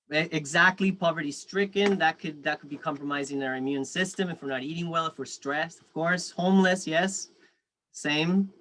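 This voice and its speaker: A man's voice: fairly high pitch, a bit bright. Spanish-accented man teaching an online workshop. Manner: friendly, reads chat aloud, frequent fillers. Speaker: food safety workshop instructor.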